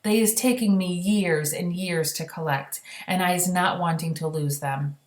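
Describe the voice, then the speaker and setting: A woman plays a gentle, simple-hearted giant in a children's storybook. The speech is unhurried and folksy with jumbled grammar, in an echoey room. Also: on the low side, natural voice. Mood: earnest. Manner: unhurried, folksy, muddled words. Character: friendly old giant, calm, simple, mangled grammar. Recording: roomy, echoey sound.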